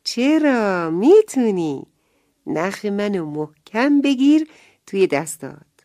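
Storybook kite, gentle, reassuring, warm lively voice, as a woman puts it on. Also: mid-range voice, no room sound, studio quality, close to an everyday voice. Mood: encouraging. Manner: soft, reassuring. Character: gentle friendly talking blue kite.

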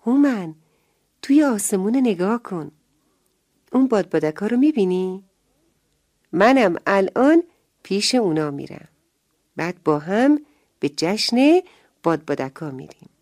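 A woman voicing a gentle, friendly talking blue kite in a children's story, speaking softly and reassuringly. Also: mid-range voice, very animated, long pauses, dry recording, studio quality. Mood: encouraging. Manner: soft, reassuring.

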